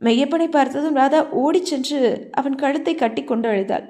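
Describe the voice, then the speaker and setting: A woman reads an audio novel aloud, her voice sitting a touch high. She tells the story in a steady, even storytelling manner, one chapter at a time. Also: fairly quick. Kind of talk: scripted story narration.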